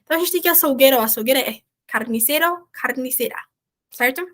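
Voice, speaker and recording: A woman's voice: high-pitched, fast talker, fairly bright tone. A woman, a volunteer teacher, explaining Spanish vocabulary in an online class and checking in with her students often. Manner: explains patiently, checks in with "certo?".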